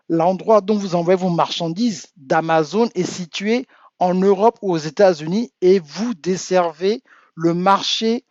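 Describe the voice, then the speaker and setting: A man's voice: high-pitched, a little mellow, no room sound, lo-fi sound. A man from Africa, a business coach giving an insistent talk to his audience that builds to emphatic urging. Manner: insistent, rising to emphatic exhortation. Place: home in the United States.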